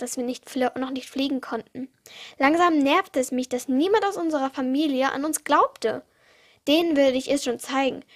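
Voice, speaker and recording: A teenage girl reading her own short stories aloud for her podcast, with small slips and restarts. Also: sits high. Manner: reads with small slips and restarts, uneven pace.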